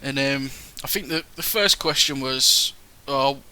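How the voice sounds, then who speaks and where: A man's voice: mid-range voice, unhurried, bright, forceful tone, smooth. A young man with a Sunderland accent, co-hosting a podcast and rambling through ghost stories with lots of swearing and laughter. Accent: Sunderland (Mackem). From Sunderland, England. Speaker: podcast co-host. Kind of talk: casual chat about ghost stories.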